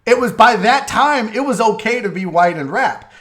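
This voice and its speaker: Man, 40s, high lively voice, talk show host, animated storyteller. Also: moderate pace. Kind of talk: casual radio talk show chat.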